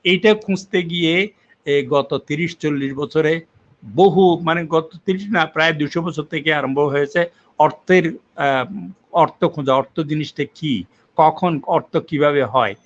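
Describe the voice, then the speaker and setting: Older professor lecturing patiently, lo-fi. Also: male voice, fairly high pitch, moderate pace. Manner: patient, lecturing with examples and fillers. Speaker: linguistics professor. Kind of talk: explanatory academic interview. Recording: muffled lo-fi recording.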